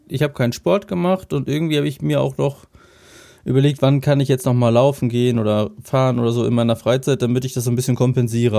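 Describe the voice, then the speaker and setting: A man's voice: medium pitch, gravelly, mellow. A man from Germany co-hosting a casual podcast chat, talking in a chatty, thoughtful way. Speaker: podcast co-host.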